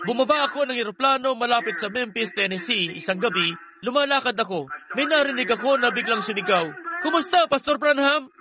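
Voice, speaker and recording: High-voiced man preaching fervently. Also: animated, fast talker, crowd noise. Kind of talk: sermon with testimony and prayer.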